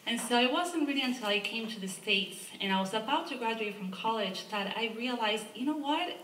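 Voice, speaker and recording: In a museum lecture hall, this Argentine environmental advocacy director speaks earnestly on a panel about her work in an Argentine Spanish accent, often tacking "right?" onto points. Her voice is fairly high, lively, fairly quick and bright; the room echoes, the mic is far off, and there's slight background noise.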